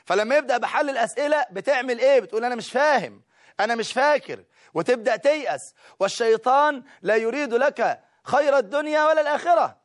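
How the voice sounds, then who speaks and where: A middle-aged man with an Egyptian Arabic accent, a teacher giving study advice to students in a lively way, talking straight to them and often laughing. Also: extremely high pitch. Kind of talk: study-skills talk to students.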